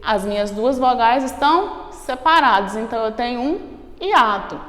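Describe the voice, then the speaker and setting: A Brazilian woman teaching a school grammar lesson, slowly spelling out syllables and checking in with "ok?". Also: on the high side, animated, fairly bright tone. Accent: Brazilian Portuguese. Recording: echoey room with long reverb.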